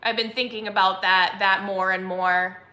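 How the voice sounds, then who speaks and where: A woman's voice: mid-range voice, steady tone, normal speed, pushed and bright. A woman in her twenties hosting a casual live chat, rambling and chatty with lots of "like" fillers, at home. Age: 20s. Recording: echoey room.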